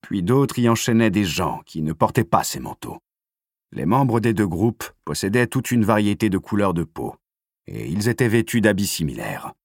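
A man reads an audiobook aloud in a measured, steady narration. His voice sits very low with a husky grain. The recording is dry and close, with no room sound. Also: no room sound.

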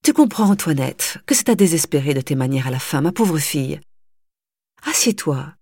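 A woman voicing a stern, snobbish mother who scolds her daughter sharply and loudly. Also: low voice, expressive, moderate pace, slightly rough, dry recording, studio quality, heavily acted. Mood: cold menace.

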